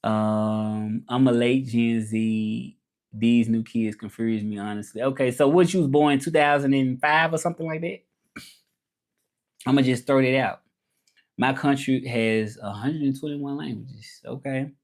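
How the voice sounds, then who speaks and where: A man with a Southern accent from the southern United States hosts a livestream, speaking at a medium pitch and a measured pace. He's a language content creator who chats casually and colloquially, often repeating phrases and switching between English and French.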